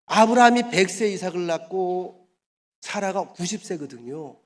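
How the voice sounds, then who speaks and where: High-voiced preacher in an echoey church. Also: male voice, expressive, normal speed. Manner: colloquial, rhetorical questions to the congregation. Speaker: pastor. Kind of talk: sermon. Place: church sanctuary.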